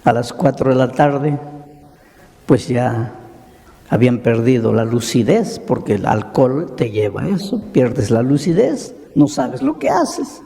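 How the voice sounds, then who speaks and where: A man preaching a sermon as a pastor, telling a story slowly and dramatically with repeated lists and rhetorical questions. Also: medium pitch, big pitch swings, creaky, dark tone, long reverb tail.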